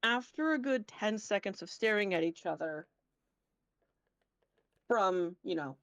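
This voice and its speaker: A woman's voice: mid-range voice, expressive, a little slow, fairly bright tone, dry recording. A woman acting as game master, narrating a tabletop game casually, with informal, sweary asides.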